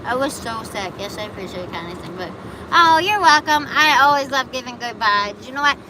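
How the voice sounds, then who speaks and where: She's a livestream host from Buffalo, New York, chatting away amid traffic. Her voice sits on the high side, brisk and lively in intonation, as she rambles, reacts to chat comments, and answers viewers casually.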